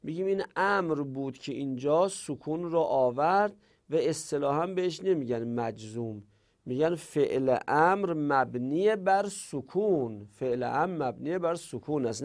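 Gravelly male teacher explaining grammar. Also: mid-range voice, darkish tone. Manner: explanatory, poses questions then answers them. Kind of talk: explaining Arabic grammar lesson.

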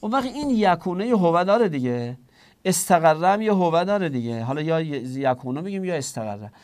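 A man's voice: on the high side, expressive, darkish tone, clear, resonant tone. A man teaching a grammar class, explaining step by step, asking himself questions and answering them, and speaking directly to his students.

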